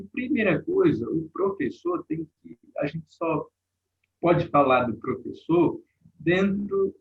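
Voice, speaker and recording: A man talking through his ideas in a casual panel discussion, pausing and restarting his sentences often. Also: a little high, gravelly, slightly rough, highs cut off. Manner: thinking aloud with many fillers and restarts. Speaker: guest teacher in a panel talk.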